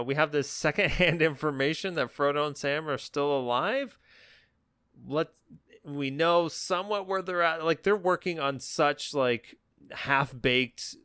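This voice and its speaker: A man's voice: medium pitch, fairly bright tone, clear, resonant tone, no echo, studio quality. A man co-hosting a podcast, talking casually and earnestly about a film he is enthusiastic about. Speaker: podcast co-host. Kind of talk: casual, reflective film discussion.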